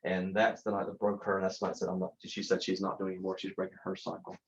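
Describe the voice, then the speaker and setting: A man's voice: low voice, monotone, quick pace, vocal fry, highs cut off, slight background noise. A man, a college instructor telling a story in a lecture, using rhetorical questions and dramatic repetition.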